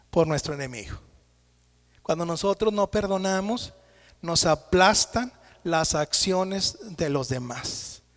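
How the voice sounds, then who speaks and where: A male pastor, preaching a folksy sermon and often calling his listeners brothers. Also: sits high. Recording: reverberant church hall.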